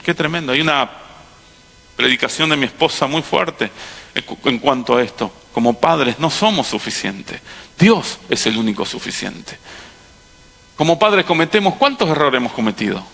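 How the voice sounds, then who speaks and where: A man with a Rioplatense Spanish accent preaching a sermon as pastor, swinging between hushed lines and loud impassioned bursts. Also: mid-range voice, expressive, normal speed, creaky, pauses often. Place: large auditorium. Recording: long hall reverb.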